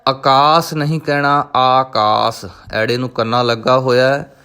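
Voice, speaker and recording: A man teaching the correct pronunciation of scripture, reciting each verse slowly and then explaining patiently. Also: mid-range voice, fairly even intonation, fairly bright tone, clear, resonant tone.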